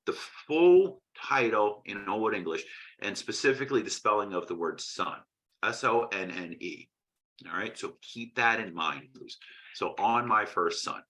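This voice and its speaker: Male literature teacher, lowish bright voice, casual lecture, keeps checking in with listeners. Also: expressive, measured pace, rough recording. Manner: conversational, frequent "right?" check-ins and restarts. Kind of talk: recorded poetry lecture.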